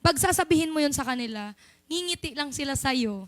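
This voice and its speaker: High-voiced Filipino woman preaching. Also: lively intonation, fairly quick, no room sound. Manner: chatty, playful, mixes English into Filipino. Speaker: church speaker. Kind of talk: sermon.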